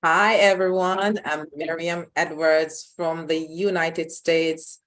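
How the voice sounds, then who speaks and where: A woman from Jamaica addresses an online group with an earnest, motivational tone. Her voice is fairly low and her delivery slow. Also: flat delivery, a bit bright. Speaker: guest speaker. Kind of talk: motivational self-introduction. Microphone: video call.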